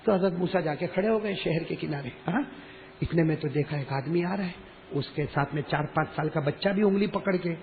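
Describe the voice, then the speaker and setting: High, gravelly preacher in an echoing hall. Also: male voice, slight background noise. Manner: dramatic, voices the characters, builds to loud emotional peaks. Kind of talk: sermon storytelling. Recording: tinny lo-fi recording in a reverberant hall.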